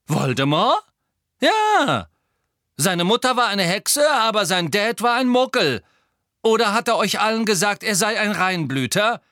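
A man's voice: high-pitched, lively intonation, moderate pace, hardly any pauses, a bit bright, no echo, studio quality, pitched above the performer's own voice. A man reading a bold teenage boy wizard in a raised, defiant voice.

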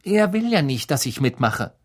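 A man voicing an earnest, bookish teenage schoolgirl in an audiobook reading, with a raised, hurried and insistent voice. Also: on the high side, very animated.

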